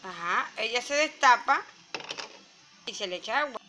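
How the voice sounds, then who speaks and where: A woman's voice: on the high side, expressive, normal speed, pushed and bright, a little hiss or hum. A woman with a Latin American Spanish accent, hosting a toy channel and playing mother to a crying baby doll in a sweet, coaxing voice.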